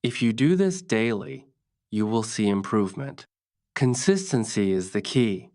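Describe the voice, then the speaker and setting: A man with a slightly low, smooth and resonant voice delivers a scripted English accent lesson. He speaks very slowly in short, plain sentences, one instruction at a time. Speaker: English teacher.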